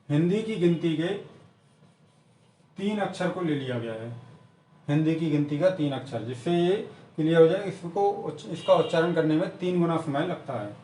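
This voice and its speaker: A man teaching an exam-prep grammar lesson, repeating each definition slowly and methodically. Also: a little high, dark tone, roomy sound, recorded from a distance, slight background noise. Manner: repetitive, drills definitions slowly.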